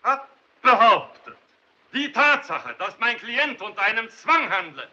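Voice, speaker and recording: An actor playing a defense counsel arguing against a hostile crowd, insistent and shouting over hecklers, in a 1930s film. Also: male voice, very high-pitched, very animated, measured pace, muffled recording, slight background noise, heavily acted. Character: dogged male defender before a hostile mob.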